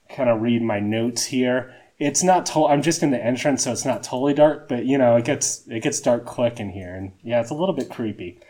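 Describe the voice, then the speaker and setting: A man talks casually through nature notes as a podcast host, folksy and self-deprecating. His mid-pitched voice carries the echo of a small cave. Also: a little mellow. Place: just inside a small cave entrance. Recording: reverberant small cave entrance.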